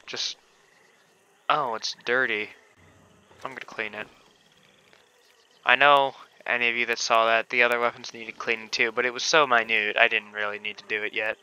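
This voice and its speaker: A man's voice: mid-range voice, level tone, fairly quick, pushed and bright, clean tone. A man giving rambling, hesitant gameplay commentary on a stream, with casual swearing. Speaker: game streamer. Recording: dull lo-fi recording.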